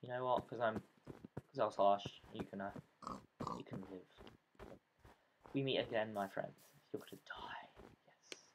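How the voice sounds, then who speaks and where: A man with a lowish voice narrates his gameplay in a rambling, self-mocking way. He talks from his bedroom and now and then drops into a whisper. A clear hiss sits under the home recording. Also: fairly even intonation, moderate pace, pauses often. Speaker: gaming channel host. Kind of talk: casual let's play commentary.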